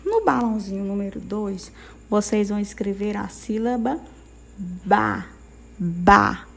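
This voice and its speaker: A young adult woman with a Brazilian Portuguese accent, a primary school teacher, slowly and patiently dictates syllables to small children. Her mid-range voice is creaky and mellow, sing-song, and she checks in often.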